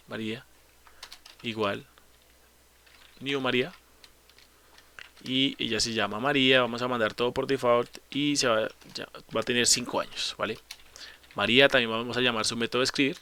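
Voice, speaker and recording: Male tutor with a bright voice for a screen-recorded coding lesson. He walks through each step, poses questions and answers them himself, with keyboard typing behind. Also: mid-range voice. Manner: explains step by step, asks and answers his own questions, corrects slips. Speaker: programming teacher.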